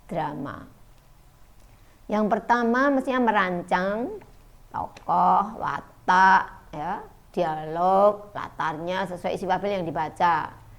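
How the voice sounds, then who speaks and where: A woman's voice: on the low side, creaky. Woman, middle-aged, teacher, online lesson, explanatory, filler-heavy.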